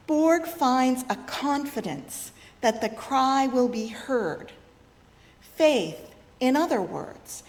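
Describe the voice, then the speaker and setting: Slow, reflective woman giving a sermon. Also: high voice. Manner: slow, reflective, rising to loud braying calls. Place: fellowship hall. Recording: long reverb of a hall.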